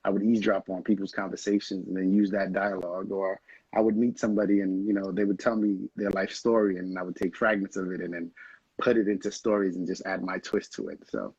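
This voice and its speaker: A young Haitian film director chats casually in an interview, rambling and laughing often. His low, brisk voice has a darkish, breathy edge, and the dry video call audio sounds dull and lo-fi.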